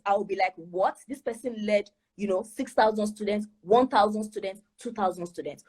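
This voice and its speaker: A woman's voice: a little high, a little mellow, husky. A Nigerian woman giving admissions advice on an online show, emphatic and full of rhetorical questions. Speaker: guest speaker on admissions.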